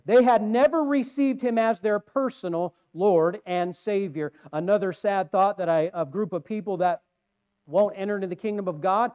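A male pastor preaching a sermon to his congregation in a church, earnest, rising to loud emphasis and dropping quiet. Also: high-pitched, normal speed, clear, resonant tone.

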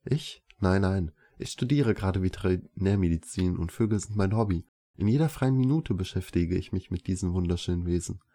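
A man reading a story aloud, voicing a young female veterinary student who loves birds, in a softened, slightly raised voice. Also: low voice, brisk. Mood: enthusiastic.

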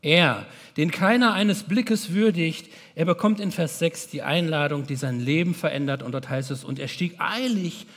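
A man preaching a sermon dramatically, often dropping suddenly to a hushed voice. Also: on the high side, moderate pace, few pauses. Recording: long hall reverb.

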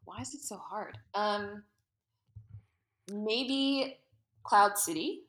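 A woman guest on a podcast, relaxed and chatty, laughing easily while she has the hiccups. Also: mid-range voice, extremely slow, echoey room. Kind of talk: casual interview chat.

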